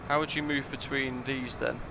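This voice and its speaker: A man's voice: medium pitch, flat delivery, moderate pace, vocal fry, noisy background. A man casually talking through a flight sim live stream, thinking aloud and chatting with his viewers.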